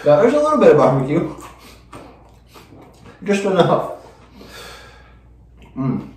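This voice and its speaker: A young man hosting a casual food challenge, talking haltingly with gasps and groans as his mouth burns from spicy food. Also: sits high, sing-song, darkish tone, slight background noise. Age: young adult. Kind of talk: casual on-camera chat. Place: small indoor room, seated at table. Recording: echoey room, distant microphone.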